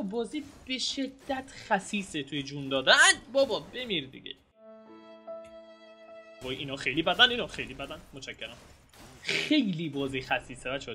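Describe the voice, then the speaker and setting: A young man giving excitable, casual commentary while playing a video game, shouting and groaning at the action. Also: on the high side. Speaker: gameplay streamer. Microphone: home mic with some noise.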